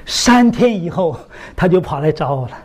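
Animated middle-aged male preacher. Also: moderate pace. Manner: animated storytelling, swinging from low asides to high emphatic questions; often asks the congregation rhetorical questions. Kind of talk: sermon.

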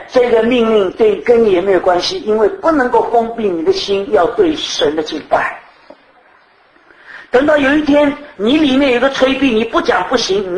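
High-voiced man preaching in an echoey room. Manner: rhetorical questions, earnest teaching. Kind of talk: sermon.

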